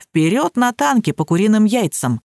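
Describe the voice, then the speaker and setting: A woman's voice: mid-range voice, sing-song, normal speed, gravelly, darkish tone, dry recording, studio quality. Woman reading as a smug young hacker guy. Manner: smirking and jokey.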